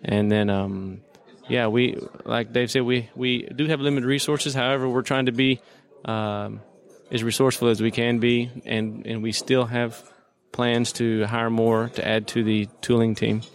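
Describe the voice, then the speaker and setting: A man's voice: medium pitch, steady tone, measured pace, hardly any pauses. A man being interviewed at a conference, talking casually with many restarts and repeated words. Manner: hesitant, repeats words often. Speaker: guest developer. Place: conference venue.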